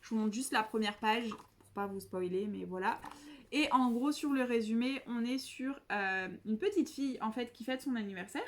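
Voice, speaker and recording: A woman's voice: fairly high pitch, normal speed, slight background noise. A young woman chatting casually as a book vlogger, self-mocking and rambling, with many fillers and restarts. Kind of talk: casual chat.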